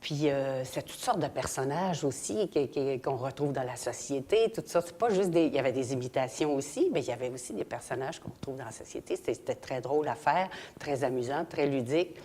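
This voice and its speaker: A woman's voice: a bass voice, expressive, fairly quick, hardly any pauses, dark tone. An older Québécois woman, a guest actress, telling stories in a casual interview and briefly mimicking voices.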